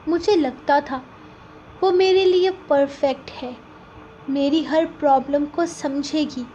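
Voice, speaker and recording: A woman's voice: high-pitched, fairly even intonation, dull audio, a little hiss or hum, natural voice. A woman reading a patient, coaxing young husband. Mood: confiding. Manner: gently coaxing, soft-spoken. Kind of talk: audiobook novel reading.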